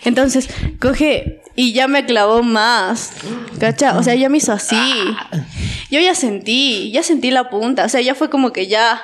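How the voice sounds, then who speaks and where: A woman's voice: a little high, unhurried. A young woman, co-hosting a podcast and telling a story in casual chat full of slang. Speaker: podcast co-host.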